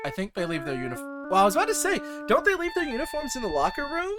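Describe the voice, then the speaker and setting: A streamer chatting casually while playing a game, rambling and trailing off softly. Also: medium pitch, huge pitch swings, fast, loud music behind the voice.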